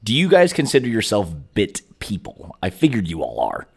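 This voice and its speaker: A young man hosting a podcast, chatting casually and telling stories with an animated, self-amused manner. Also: on the low side, normal speed, vocal fry, slightly rough. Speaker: podcast host. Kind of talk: casual chat.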